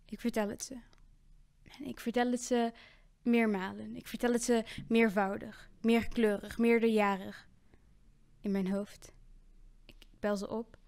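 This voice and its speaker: A woman performing her spoken word poetry, rhythmic and full of repeated lines, moving between loud and hushed delivery. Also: on the high side, flat delivery, unhurried, vocal fry, no echo.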